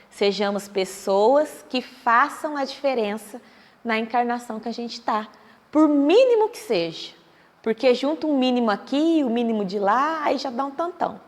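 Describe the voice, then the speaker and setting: A Brazilian woman giving a public talk at a Spiritist center, telling a story and acting out what other people say. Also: a little high. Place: meeting hall of a Spiritist center. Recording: echoey hall.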